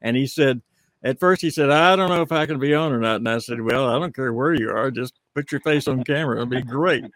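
A man hosting an unscripted live panel show in a halting way, repeating words for emphasis. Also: medium pitch, a bit bright, dry recording. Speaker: host.

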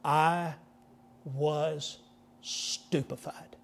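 A man in his fifties preaches as a pastor, his voice sitting a little high for a man. He tells a personal story from the pulpit in an animated way, acting out the people he meets. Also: drawn-out words, creaky. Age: 50s. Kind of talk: storytelling sermon.

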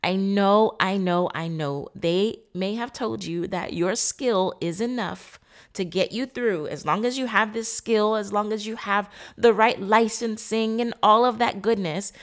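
Woman, podcast host, stuffy nose, emphatic, repetitive, motivational. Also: mid-range voice. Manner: emphatic, repeats words for stress, addresses listeners as queen. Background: painters working nearby.

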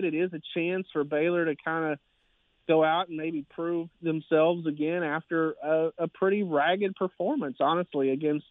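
A man, a sports writer guest, talks high school and college football in a rambling way, full of fillers and restarts. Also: no echo. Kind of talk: casual sports talk. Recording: tinny phone line.

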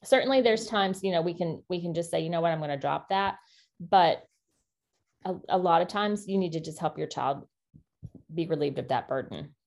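A woman co-hosting a casual faith-based parenting podcast, talking in an earnest, encouraging way with quick asides. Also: lowish voice, vocal fry, a little mellow. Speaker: podcast co-host.

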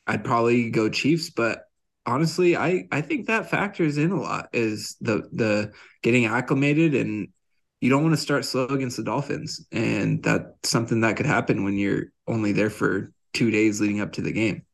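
A man's voice: medium pitch, normal speed, gravelly. A man co-hosting a casual sports podcast, easygoing and agreeable, with frequent ums. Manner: easygoing, agreeable, hesitant fillers. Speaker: podcast co-host.

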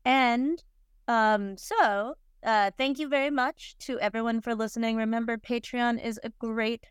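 A woman's voice: fairly high pitch, fairly even intonation, unhurried, clear, resonant tone, dry recording, clean studio sound. A woman co-hosting an art podcast, chatting casually and wrapping up the episode. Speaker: podcast co-host. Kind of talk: casual chat.

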